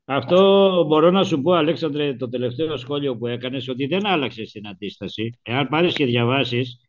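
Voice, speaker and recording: A man hosting a talk radio show, telling a history story in a lively way and acting out the quoted lines. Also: mid-range voice. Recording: lo-fi radio recording.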